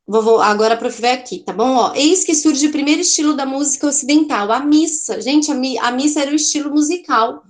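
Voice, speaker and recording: Brazilian woman giving an art lesson, kinda high voice, talky, keeps asking "tá?". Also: fairly quick, hardly any pauses. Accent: Brazilian Portuguese. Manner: chatty, explanatory, frequent "tá?" checks, self-corrections. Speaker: teacher. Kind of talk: online art class lecture.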